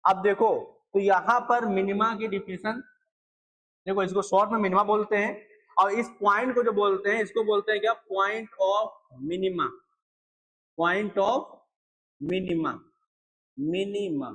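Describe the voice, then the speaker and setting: A man's voice: high voice, steady tone, moderate pace, sharp tone, poor audio. A young man lecturing on math at a board, repeating points and asking his students questions. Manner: repetitive, asks students questions. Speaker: math teacher.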